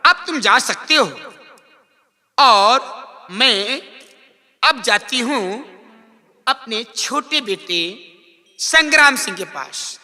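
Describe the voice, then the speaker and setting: An actor playing a cruel, scheming wicked stepmother queen in a Nautanki folk stage melodrama, gloating with drawn-out menace. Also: very high-pitched, animated, slight background noise, exaggerated voice. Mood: sly, coaxing. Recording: echoey stage sound system, loud music.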